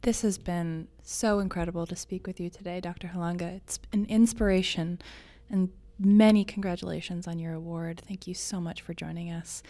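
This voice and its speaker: A woman hosting a podcast interview, asking her questions in a polite, measured way. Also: on the low side, fairly even intonation, mellow. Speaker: podcast host.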